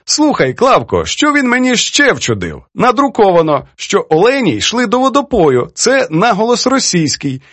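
A man voicing a merry elderly woman children's poet who teases and mocks her editor. He reads it in a high, lively voice. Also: moderate pace, few pauses, no room sound. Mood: mocking. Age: older. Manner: teasing, laughs easily.

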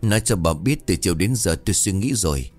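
A man voicing a desperate middle-aged village chief and worried father, in a deep, earnest, pleading tone. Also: lively intonation, brisk, a little mellow, faint music behind. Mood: resolute.

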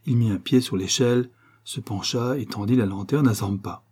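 A man reading a classic novel aloud in measured, even scripted narration. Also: medium pitch, breathy edge. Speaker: audiobook reader.

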